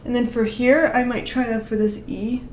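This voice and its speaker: A woman's voice: fairly high pitch, fairly even intonation, moderate pace, a little mellow, roomy sound, slight background noise. A woman giving casual animation feedback, rambling with lots of fillers and frequent laughs. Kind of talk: casual critique over a screen share.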